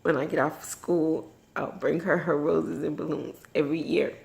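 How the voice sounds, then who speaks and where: A woman vlogging in a personal, confessional way, emotional and tearful after crying, speaking haltingly and reflectively. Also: sits low, flat delivery, gravelly, darkish tone. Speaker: vlogger and mother. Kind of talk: personal, confessional vlog talk.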